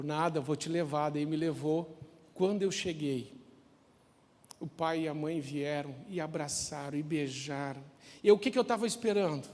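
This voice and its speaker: A male pastor preaching a sermon, telling a childhood story with acted dialogue before turning slow and earnest. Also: fairly high pitch, darkish tone. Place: church. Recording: long church reverb.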